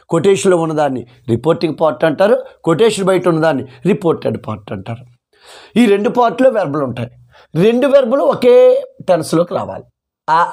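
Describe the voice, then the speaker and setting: A man's voice: fairly high pitch, darkish tone. A man teaching English grammar, repeating key terms and answering his own questions. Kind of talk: classroom-style grammar lesson.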